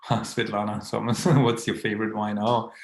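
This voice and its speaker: A man with a low, gravelly voice hosts a relaxed live-stream chat. He reads out viewer comments and greets people by name, chuckling often. The sound carries a noticeable room echo. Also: measured pace. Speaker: host of a live online Q&A.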